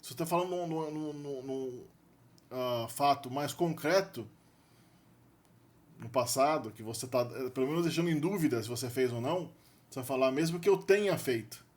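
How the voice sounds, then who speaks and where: Brazilian man, mid-pitched, casual explainer who thinks aloud and restarts phrases. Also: moderate pace. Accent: Brazilian Portuguese. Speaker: linguistics video presenter. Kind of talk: unscripted explanatory lecture.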